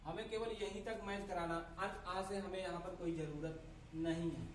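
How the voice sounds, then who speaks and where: A man teaching a grammar lesson, explaining slowly and methodically, spelling out sounds one by one. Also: high voice, fairly even intonation. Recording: echoey room, voice from a distance, faint ambient noise.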